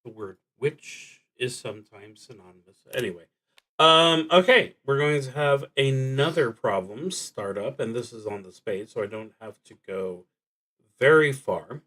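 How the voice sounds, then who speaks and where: A male streamer works through a solo tabletop RPG, reading prompts and thinking aloud in a halting, careful way punctuated by long pauses. His mid-range voice is animated, bright and forceful, though the audio is poor.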